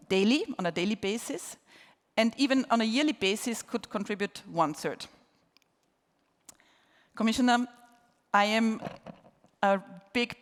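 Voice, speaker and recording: A woman heading a solar industry group, giving an enthusiastic conference speech and repeating words for emphasis. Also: a little high. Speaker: head of a solar industry association, introducing the speaker. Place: large conference hall. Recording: long hall reverb.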